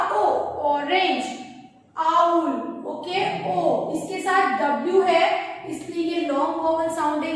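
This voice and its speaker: A woman's voice: very high-pitched, a bit bright. A woman teacher with an Indian English accent giving a phonics lesson to young children, drilling sounds through repeated questions and answers. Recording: echoey room from far off, faint noise.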